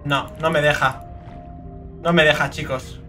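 A young man with a Spain Spanish accent doing let's play commentary, excitable and swearing a lot, with sudden shrieking outbursts. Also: on the high side, measured pace, soft background music. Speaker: gaming video creator.

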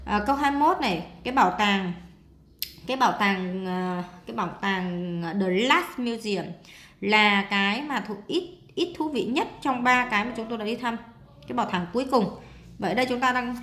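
A woman's voice: on the high side, fairly quick, a bit bright. A young adult woman teacher who patiently explains workbook answers one by one, repeating each answer and using frequent fillers. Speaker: English teacher.

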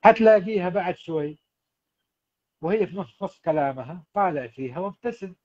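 A marriage coach speaks directly to husbands on a livestream, giving earnest, exhorting advice. His voice is high-pitched and darkish in tone, his delivery brisk, and the recording sounds muffled.

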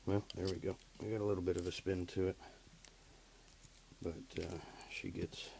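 Man, HVAC technician, hands-on repair tutorial, flat delivery, noisy handheld camera audio. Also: low-pitched, normal speed, gravelly. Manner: plain, practical explaining with frequent uh fillers. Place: basement furnace area and workshop floor. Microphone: camera held by the speaker while working.

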